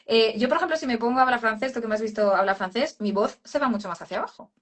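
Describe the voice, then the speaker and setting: Explanatory woman speech therapist, higher voice. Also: rapid-fire. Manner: explanatory, addresses listener as cariño. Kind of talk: live video chat.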